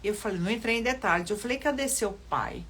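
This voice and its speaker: A woman's voice: medium pitch, a little fast, fairly bright tone, a little hiss or hum. An older woman from Brazil preaching in a livestream sermon, earnestly addressing viewers and repeating phrases for emphasis. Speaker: children's ministry leader.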